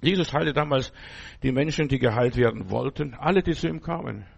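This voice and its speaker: Gravelly middle-aged man preaching. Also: medium pitch, brisk. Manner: earnest, repeats phrases with many tag questions. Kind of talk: sermon.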